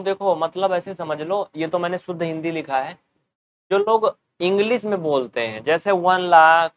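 A man giving a step-by-step maths lesson at a board, asking his students questions and answering them himself. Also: fairly high pitch. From North India. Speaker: teacher.

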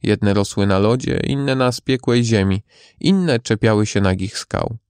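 A man reading a fairy tale aloud for children in a calm, even storytelling manner. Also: on the low side, measured pace, clear, resonant tone, dry recording, studio quality. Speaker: audiobook narrator.

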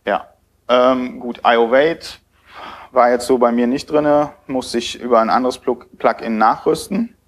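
At a podium in a lecture hall, a man gives a technical conference talk, hesitant and full of filler sounds. His mid-range voice stays steady and moves a little slowly.

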